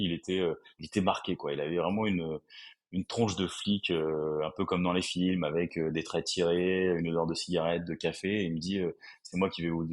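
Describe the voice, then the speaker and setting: A man recounts a personal story on a podcast. His voice sits very low, and he speaks haltingly, with frequent fillers and restarts. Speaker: podcast guest. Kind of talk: conversational storytelling.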